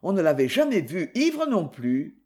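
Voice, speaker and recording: An audiobook narrator reading a crime novel in a measured storytelling manner. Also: mid-range voice, wildly swooping pitch, darkish tone, slightly rough. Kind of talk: scripted narration.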